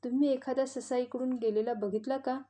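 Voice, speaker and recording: A woman's voice: high voice, fairly even intonation, moderate pace, warm tone, natural voice. A woman voicing a greedy, sly male wolf in a children's audio story, full of blustering threats. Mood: questioning.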